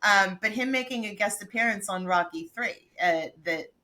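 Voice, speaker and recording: A woman's voice: mid-range voice, normal speed, bright, forceful tone. A woman hosting a podcast who steers the topics in chatty, laughing casual conversation. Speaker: podcast host. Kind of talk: casual chat.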